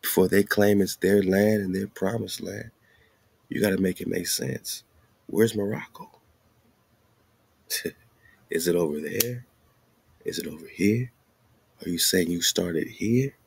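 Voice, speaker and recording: A host delivers an informal, slangy commentary over on-screen maps and documents, asking rhetorical questions and repeating phrases for emphasis. His low, gravelly voice has a darkish tone and a breathy edge, moving at a measured pace with frequent pauses. There's no echo.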